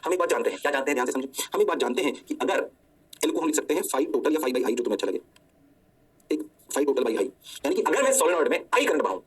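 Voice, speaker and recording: एक पुरुष भौतिकी शिक्षक, हिंदी लहजे में, खेल-खेल में खुद ही छात्र बनकर जवाब देता हुआ जोशीला लेक्चर देता है।. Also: male voice, a little high, slightly rough, far from the mic. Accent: Hindi. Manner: playful, answers himself in a student's voice. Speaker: physics teacher. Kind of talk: energetic lecture.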